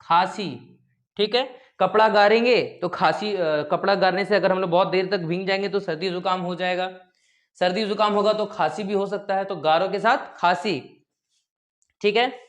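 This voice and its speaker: A man's voice: sits high, moderate pace. A man teaching a geography lesson. He is playful, uses joking memory tricks and keeps checking in with the students. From India. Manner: often checks in with "okay?".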